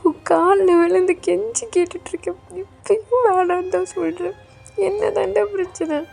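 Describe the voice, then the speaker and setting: A woman's voice: extremely high pitch, steady tone, moderate pace, vocal fry, a little mellow, soft background music, full character voice. A woman voicing a tearful young man begging for a child. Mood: defiant. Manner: pleading, tearful, insistent. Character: young man desperate for a child, pleading with his lover. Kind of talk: fan audio drama.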